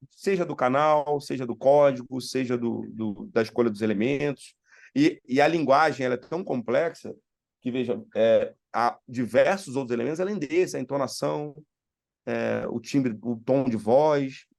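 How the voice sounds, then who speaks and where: A middle-aged man, a guest in an interview, telling anecdotes in a lively way and acting out the dialogue, his voice congested from sinusitis. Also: medium pitch, vocal fry. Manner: animated storyteller, acts out quoted dialogue. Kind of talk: storytelling in a casual interview.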